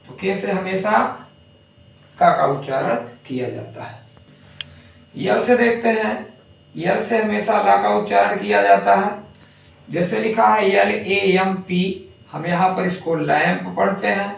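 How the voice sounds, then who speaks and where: A man's voice: high voice, unhurried, vocal fry. A man teaching English phonics, spelling out words letter by letter and then saying them. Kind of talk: phonics lesson. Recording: echoey room, distant mic.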